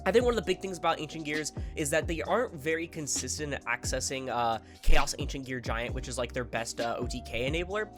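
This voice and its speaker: A man's voice: fairly high pitch, expressive, fast talker, hardly any pauses, over music. A man with a congested, nasal voice from a head cold, giving rambling, casual video commentary, correcting himself as he goes and swearing now and then. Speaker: card game YouTuber.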